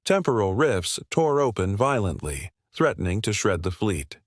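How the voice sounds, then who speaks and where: A man narrating a scripted sci-fi war story in a steady, dramatic way. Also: on the low side, normal speed, no echo, studio quality.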